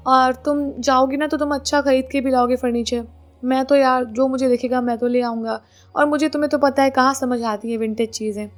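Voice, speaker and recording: A woman's voice: sits high, fairly quick, close to an everyday voice. A woman voicing a tired, easygoing young husband and father who talks casually and coaxes his wife into doing the chores. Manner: relaxed, coaxing, dodges chores.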